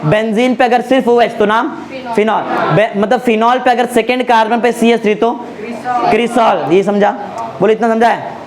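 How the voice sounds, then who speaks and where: A man with a fairly high voice teaches a classroom lecture. He keeps stopping to quiz his students with quick check-in questions and slowly repeats each key name so it sticks. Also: steady tone, crowd noise. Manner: repeats names slowly for emphasis. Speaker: chemistry tutor.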